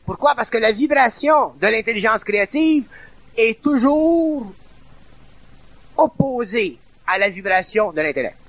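A middle-aged man with a Quebec French accent lectures informally, circling back to his points with emphatic repetition. His voice sits high and carries a gravelly edge. The recording is dry and close, with no room sound. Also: expressive, normal speed, few pauses, fairly bright tone, dry recording.

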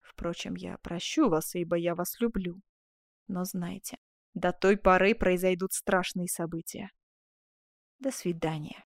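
A woman's voice: on the low side, fairly even intonation, a little slow, no room sound, clean studio sound, natural voice. A woman reading as a proud, passionate noble duchess. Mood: proud, wounded. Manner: impassioned, swinging from tender murmur to proud outbursts. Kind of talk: audiobook reading.

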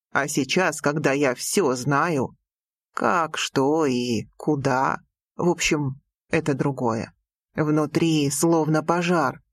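A woman reading an audiobook, voicing a passionate, teasing young prince with slow, low, intimate delivery. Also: no echo, full character voice.

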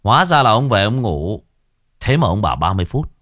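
A man's voice: very deep voice, huge pitch swings, a little fast, a little mellow, husky, no echo, studio quality, voice pushed down, heavily acted. A man voicing an exasperated young villager. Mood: exasperated scolding. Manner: scolding, exasperated.

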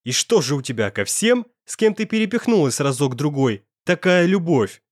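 A man's voice: on the high side, very animated, normal speed, darkish tone, no room sound, studio quality. A man playing an angry young male student who talks in a coarse, slangy, threatening way. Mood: scornful.

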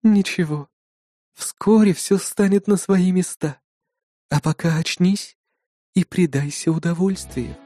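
A domineering, sly demoness from an audiobook, voiced by a man, drawling her words slowly with mocking authority. The voice sits a little higher and sounds mellow, recorded dry and close. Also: no room sound. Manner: imperious, mocking, slow drawl. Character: commanding sly female demoness. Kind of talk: audiobook narration.

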